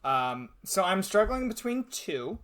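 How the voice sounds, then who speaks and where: A young man chatting easily on a podcast, thinking aloud with ums. His voice sits a little high and sounds bright and clear, and he laughs often. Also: very animated, a little slow. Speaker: podcast host. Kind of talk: casual chat.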